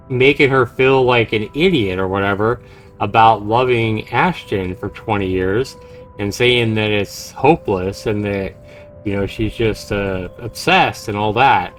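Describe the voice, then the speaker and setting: During a game livestream, a male streamer with a medium-pitched voice gives commentary and performs the visual novel's text aloud in an expressive, dramatic style.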